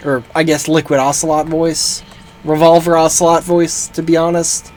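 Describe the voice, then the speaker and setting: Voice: medium pitch, flat delivery, moderate pace, a little mellow. A game streamer giving casual live gameplay commentary in a joking, rambling, profane way.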